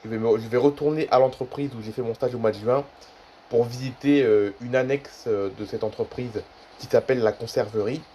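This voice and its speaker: A man's voice: mid-range voice, steady tone, fairly quick, dark tone, a little hiss or hum. A man in his twenties chatting casually in a vlog, rambling and repeating himself often. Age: 20s. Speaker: YouTuber.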